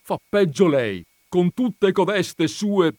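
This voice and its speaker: A man voicing a sharp-tongued older housekeeper who retorts and nags, in a dry recording. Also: sits high, expressive, takes it slowly, dry recording, voice pushed up. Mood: nagging retort.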